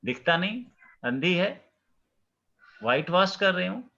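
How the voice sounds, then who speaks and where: A male teacher slowly explaining a play to his class, questioning students and acting out the lines. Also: high voice, sing-song, creaky, sharp tone, highs cut off.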